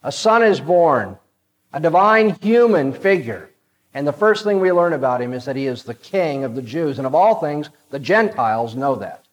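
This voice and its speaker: A man preaching a sermon and reading scripture aloud, measured and emphatic, dropping to a hushed tone on key phrases. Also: fairly high pitch, expressive, highs cut off.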